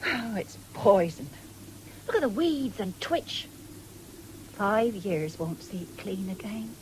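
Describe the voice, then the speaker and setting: The noisy old broadcast captures an actress in a 1970s British radio play, voicing a proud, firm, plain-spoken farm wife and mother from England. Bitter and impassioned, she speaks slowly yet animatedly at medium pitch with a darkish tone.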